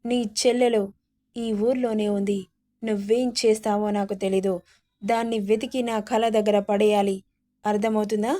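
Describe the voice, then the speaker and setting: A hot-tempered young man barks harsh commands, as a woman narrator puts him on. The voice is mellow and sits a little high. The story is told as an audio tale. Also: level tone, moderate pace, natural voice. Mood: angry.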